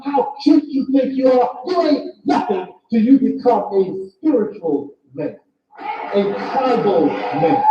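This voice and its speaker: A man lecturing an audience as an author, speaking emphatically and repeating phrases in a preaching cadence. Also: very high-pitched. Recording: echoey, distant, dull lo-fi recording.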